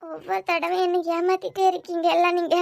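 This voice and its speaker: A woman's voice: extremely high pitch, little pitch movement, quick pace, creaky, a little mellow, no echo, studio quality, exaggerated voice. A woman voicing a young wife in a cartoon series, crying and accusing her husband. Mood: distraught. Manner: crying, pleading, reproachful. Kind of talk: cartoon web series voice acting.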